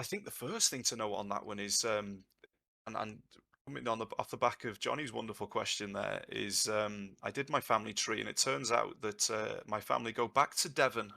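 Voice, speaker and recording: In a live Q&A over voice chat, a language tutor and guest, a Welsh man in his thirties, gives long, thoughtful answers. His voice sits lowish with vocal fry and a sharp tone.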